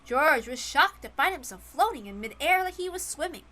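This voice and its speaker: A woman reads a fantasy story aloud, her high, bright voice dramatic and expressive at a moderate pace. The scripted delivery resembles an audiobook performance of a visual novel.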